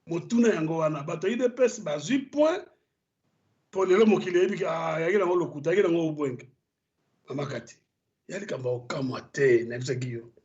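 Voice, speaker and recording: A man's voice: fairly high pitch, a little mellow. A man with a Congolese accent giving impassioned political commentary on a talk show, stumbling over repeated syllables as he argues. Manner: impassioned, stammers on restarts. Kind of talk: studio debate commentary. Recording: dull lo-fi broadcast audio.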